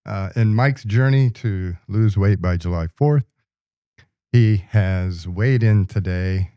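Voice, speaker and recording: A man's voice: fairly low pitch, slow, smooth, no room sound, muffled recording. A man co-hosting a casual podcast, teasing his partner and laughing often. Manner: jokey, laughs a lot, teasing. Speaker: podcast co-host.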